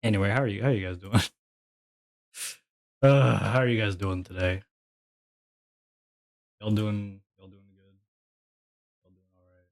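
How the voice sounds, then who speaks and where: A man's voice: lowish voice, a little slow, vocal fry, pauses often, dry recording. A man streaming live who talks to his chat in a sarcastic, grumbling, exasperated way. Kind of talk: casual livestream chat.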